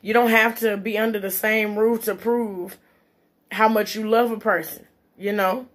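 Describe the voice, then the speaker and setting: A woman's voice: mid-range voice, fairly even intonation, unhurried. A woman talking casually and bluntly in an opinionated, emphatic monologue, swearing freely and eating as she talks, her mouth sometimes full. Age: adult, parent. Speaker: vlogger giving relationship and parenting opinions. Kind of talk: casual chit-chat monologue.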